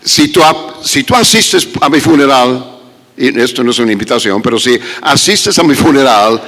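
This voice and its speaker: A man, a pastor, preaching an animated, humorous sermon full of rhetorical questions and joking asides in a church. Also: a little high. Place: church sanctuary at a conference. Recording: long reverb of a large church hall.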